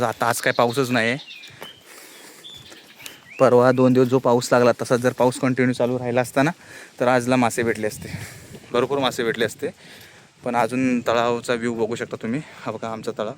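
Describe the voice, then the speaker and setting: A man's voice: medium pitch, a little hiss or hum. Man vlogging by a village lake. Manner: plain explanatory tour-guide talk, pointing things out. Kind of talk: casual walk-and-talk vlog.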